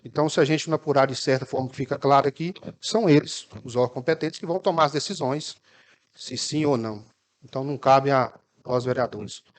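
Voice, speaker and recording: A man with a Minas Gerais Brazilian accent, speaking as a city councilman in a formal session, halting and measured, with many fillers. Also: mid-range voice. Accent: Brazilian Portuguese, Minas Gerais. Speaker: city councilman questioning officials. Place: municipal council chamber.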